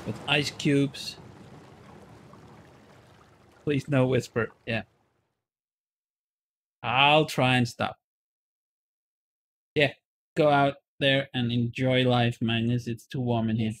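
A man in his forties streams a game and chats casually into a headset in a small room, his medium-pitched voice steady, slow, a bit bright, with long pauses and slight background noise. He is playful and talkative, addressing chat while he plays.

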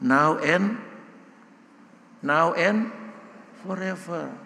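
An older male pastor preaching a sermon in a church, loud and joking, often asking the congregation questions. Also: on the high side, extremely slow, vocal fry. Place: church sanctuary. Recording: long church hall reverb.

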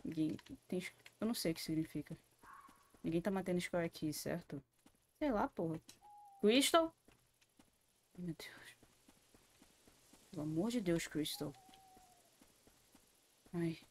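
A woman's voice: lowish voice, lively intonation, unhurried, pauses often. Scared Brazilian woman streaming a horror game. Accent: Brazilian Portuguese. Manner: jumpy and scared, swearing often, talking to herself. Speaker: gaming streamer. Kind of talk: live gaming commentary.

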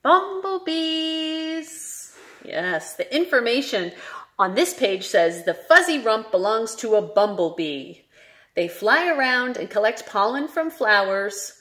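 Animated high-voiced woman reading to kids. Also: slow. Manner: animated, questioning, sing-song. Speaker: children's librarian. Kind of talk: read-aloud story time for children.

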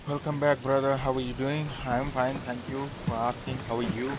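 A man's voice: medium pitch, level tone, fairly quick. A man livestreaming a game, chatting casually and greeting his viewers. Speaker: game streamer. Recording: noisy stream over game audio, clicks.

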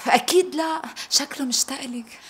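An actress playing a calm, reassuring female friend with a Lebanese accent in a TV drama. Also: high-pitched, fairly quick, slight background noise, natural voice. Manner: soothing, covering on the phone. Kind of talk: TV drama acting.

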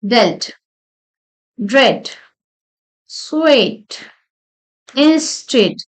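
A woman teaching English pronunciation, saying words one at a time in slow, deliberate drills with short explanations. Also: sits high, animated. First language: Marathi. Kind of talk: pronunciation lesson reading word lists.

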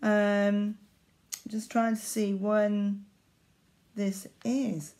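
Her voice sits at medium pitch with a darkish tone, barely moving in pitch and coming out very slowly. A middle-aged needlework vlogger, she chats casually and haltingly to a camera at arm's length in her small living room.

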